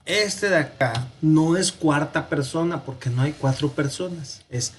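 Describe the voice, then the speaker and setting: A man teaching a recorded Latin lesson, speaking slowly, repeating forms for dictation and correcting himself aloud. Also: on the high side, a little hiss or hum.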